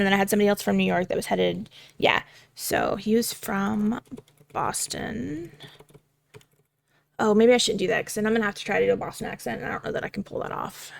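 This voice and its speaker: A woman's voice: mid-range voice, creaky, dry recording. A young woman casually thinking aloud while she prepares a tabletop game, rambling with many fillers and casual swearing. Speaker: game master prepping a campaign.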